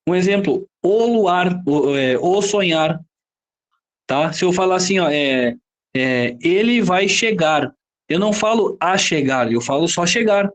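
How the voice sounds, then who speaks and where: Brazilian male teacher, high register, lecturing style, constantly checks the class with quick questions. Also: lively intonation. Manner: explains with frequent rhetorical questions and "tá?" checks. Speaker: Portuguese teacher.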